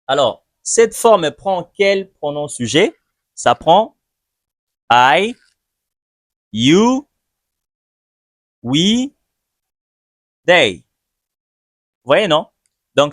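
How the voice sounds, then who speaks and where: A man teaching English in a video lesson, speaking patiently and repeating each example slowly. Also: fairly high pitch, dry recording. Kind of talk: video lesson, slow explanation.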